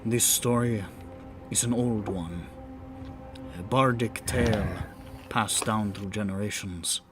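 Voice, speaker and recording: A man's voice: fairly low pitch, fairly even intonation, takes it slowly, over music. A man voicing a bard who recites an old fantasy tale in a grand, rhythmic, theatrical storytelling manner. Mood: grand, solemn. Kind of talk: scripted fantasy tale narration.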